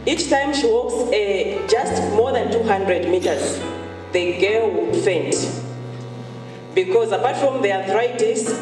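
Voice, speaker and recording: A woman's voice: medium pitch, slow. A woman gives an earnest church testimony, circling back to repeat her key phrases. Her voice carries through a big, long-ringing hall. She stands some way off from the mic, with music playing underneath. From Zambia. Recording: echoey hall, far from mic, music behind.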